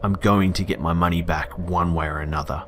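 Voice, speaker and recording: A man's voice: low voice, fairly even intonation, fairly quick, a little hiss or hum. A man doing an angry, threatening man. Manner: aggressive, shouting demands.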